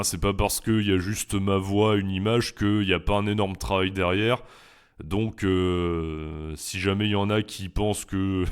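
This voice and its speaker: Reading answers to frequently asked questions, a young French philosophy teacher and YouTuber speaks in a measured, thoughtful manner, occasionally hesitating with fillers. His voice is low and clean in tone.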